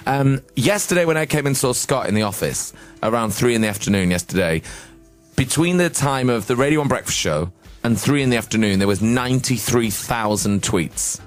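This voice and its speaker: A young man hosting a radio breakfast show, chatting casually and joking with his team in the studio. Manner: chatty and joking, with lively pitch swings.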